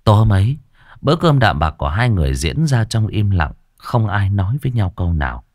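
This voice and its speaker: Deep-voiced man narrating a ghost story. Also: big pitch swings, a little fast, a little mellow, dry recording, clean studio sound. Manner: dramatic, suspenseful storytelling.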